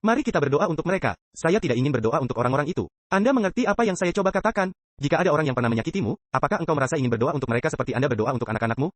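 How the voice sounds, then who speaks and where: Male sermon dubber, fast, dry booth sound, acts out the dialogue. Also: a little high, no echo. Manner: lively storytelling, acting out dialogue. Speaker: preacher dubbed into Indonesian.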